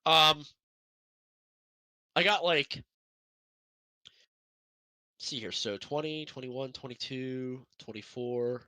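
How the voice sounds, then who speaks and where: A young man co-hosts a sim racing broadcast, chatting casually and rambling in an upbeat, self-deprecating way, like podcast chat. His medium-pitched voice is steady in tone, pushed and bright, and he goes slowly with long pauses. There is no echo.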